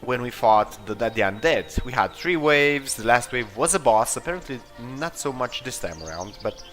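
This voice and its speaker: This let's play host has an animated, fairly bright, medium-pitched voice at normal speed. He gives casual, improvised commentary, hesitantly deciding his moves out loud while game music and battle sounds play.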